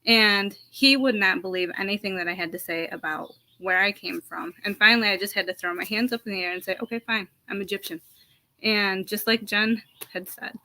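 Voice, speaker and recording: Young adult American woman, clear bright tone, reflective storyteller, halting with fillers. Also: mid-range voice. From United States. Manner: reflective, hesitant with frequent ums and restarts. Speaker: panel speaker. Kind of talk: personal storytelling.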